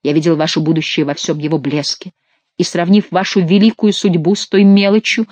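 An audiobook reader voicing a scheming, flattering nobleman count in a dramatic reading. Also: medium pitch, brisk, no echo, lightly acted. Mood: insinuating.

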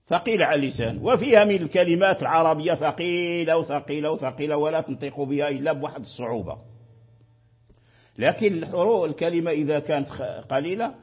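A man's voice: a little high, breathy edge, dull audio. A man teaching Quranic readings in a classroom lecture, repeating phrases and checking that his students understand.

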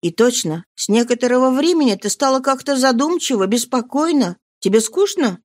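A woman voicing a lively young woman who coaxes and teases a friend in an audiobook. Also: high-pitched, a little fast, pitched above the performer's own voice. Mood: coaxing. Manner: coaxing and teasing. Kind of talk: audiobook reading.

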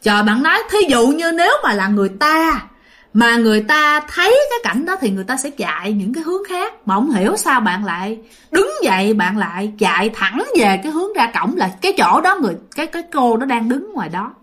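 Hosting her own channel, a woman with a Southern Vietnamese accent casually tells a ghost story, chatty and rambling with lots of fillers. Her voice is fairly high and bright, swings widely in pitch, moves briskly, and sounds a little worn and sore.

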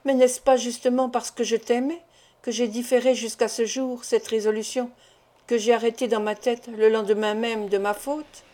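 A woman's voice: a little high, little pitch movement, moderate pace, dark tone, lightly acted. A woman reading the part of an anguished middle-aged mother, pleading with impassioned, tearful words in an audiobook.

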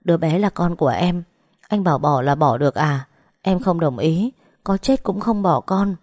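A woman's voice: fairly low pitch, expressive, moderate pace, warm tone, dry recording. A woman voicing a desperate young pregnant woman who refuses through tears, pleading insistently.

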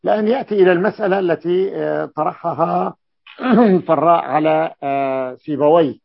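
Gravelly man teaching grammar. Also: fairly high pitch, brisk, no echo. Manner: explains by repeating terms and asking checking questions. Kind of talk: classical grammar lesson with questions to students. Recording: dull lo-fi dry recording.

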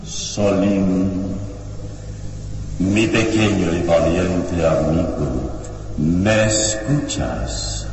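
A very slow telepathic voice calls out of a cavernous reverb, a noble hero buried alive in a radio serial. He is deep and solemn, drawing out each word. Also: full character voice. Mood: grave, urgent. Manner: slow, solemn telepathic calling, drawn-out words. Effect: echoing telepathic voice effect. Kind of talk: radionovela acting. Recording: cavernous long reverb, distant, with music.

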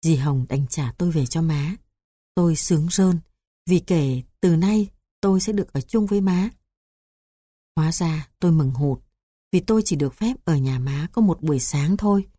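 Memoir reader: woman, Southern Vietnamese accent, low mellow voice, calm and even, dry close recording. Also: moderate pace, slightly rough, no echo. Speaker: memoir narrator. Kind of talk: memoir reading.

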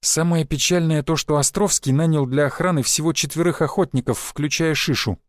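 A man reading a first-person audiobook in a lively way, putting on voices for the characters. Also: on the high side, brisk, no echo, clean studio sound. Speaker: audiobook narrator.

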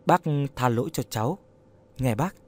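A man voicing a gentle, coaxing young woman. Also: medium pitch, lively intonation, moderate pace, no echo, lightly acted. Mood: gently probing. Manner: soft, coaxing, polite.

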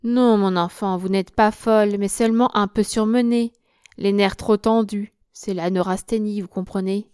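A woman reading the part of a sly middle-aged asylum doctor who speaks with smooth, falsely kind politeness. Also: mid-range voice, steady tone, normal speed, darkish tone, no echo, clean studio sound, close to an everyday voice. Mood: wheedling.

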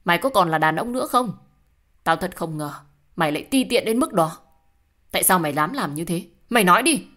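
A woman's voice: on the low side, animated, a little fast, long pauses, fairly bright tone. A woman voicing a desperate young wife who pleads and protests in a storybook reading. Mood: furious. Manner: pleading, indignant.

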